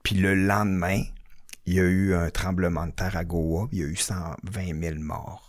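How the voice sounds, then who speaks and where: A man with a Québécois accent, telling a story in casual chat, animated and swearing often as he acts it out. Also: low voice, normal speed.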